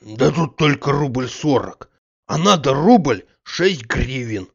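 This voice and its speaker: A man's voice: mid-range voice, animated, takes it slowly, full character voice. Man doing a stubborn grumbling old servant. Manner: gruff, stubborn, raised voice. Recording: slightly muffled audiobook recording.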